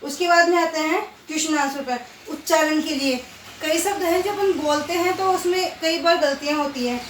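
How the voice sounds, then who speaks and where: A woman's voice: sits high, normal speed, far from the mic, a little hiss or hum. A woman teaching a primary school class, patiently drilling pronunciation and asking and answering her own questions. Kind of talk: recorded online class lesson. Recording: roomy, from off-mic.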